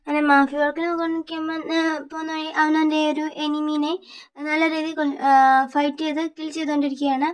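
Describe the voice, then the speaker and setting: A woman's voice: high voice, level tone, brisk. A woman retelling a fan fiction story off the cuff, hesitant and full of filler sounds.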